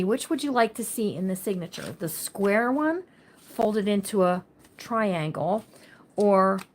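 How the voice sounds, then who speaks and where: A woman hosting a casual craft livestream. She chats with viewers by name and thinks aloud while she works. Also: medium pitch. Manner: says she talks loud.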